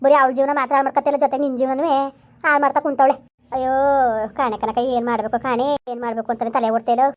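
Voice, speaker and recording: Woman whining and pleading, high voice, talks fast. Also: little pitch movement, highs cut off. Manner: pleading, complaining. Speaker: actor in a village comedy skit. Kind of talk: village drama dialogue.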